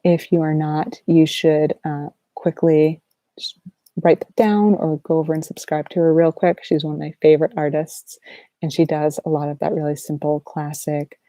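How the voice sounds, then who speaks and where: A sleep-deprived woman chatting softly and casually as an ASMR livestream host, in a halting, low-energy, rambling way. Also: fairly even intonation, no echo. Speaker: ASMR artist hosting a livestream Q&A.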